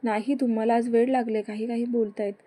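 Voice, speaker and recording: A woman voicing a shy young wife who pleads and coaxes, in a fairly high, even voice. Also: brisk, no room sound, close to an everyday voice. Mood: flustered. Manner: pleading, coaxing.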